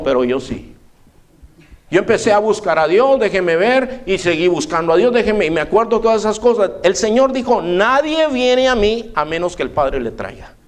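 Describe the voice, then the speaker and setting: A pastor preaching an evening sermon in church, emphatic and often calling out to his brothers. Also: sits high. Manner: emphatic, keeps addressing listeners as brother.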